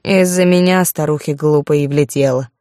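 A woman's voice: low-pitched, steady tone, moderate pace, no echo, clean studio sound. A woman voicing a kind, plain-spoken old female cook who fusses over the girl. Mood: tender. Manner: homely, fussing, soft-hearted.

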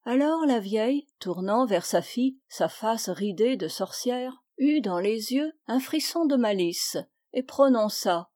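A woman reads a classic tale aloud in a measured, expressive way. Her voice sits a little high. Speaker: reader. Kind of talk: literary reading aloud.

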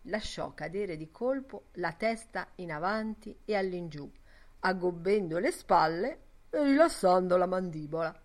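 Female audiobook narrator, lowish voice, lively intonation, measured literary reading. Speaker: audiobook reader.

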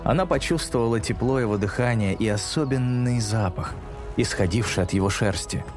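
Guy reading a kids fantasy audiobook, steady and measured, music bed behind. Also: mid-range voice. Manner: measured, slowing for dramatic moments. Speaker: narrator. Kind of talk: audiobook narration. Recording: music bed under narration.

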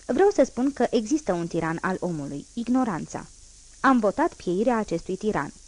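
A woman's voice: medium pitch, very animated, darkish tone. A woman voicing a fierce, unyielding old male revolutionary in an audiobook, speaking in firm, emphatic declarations.

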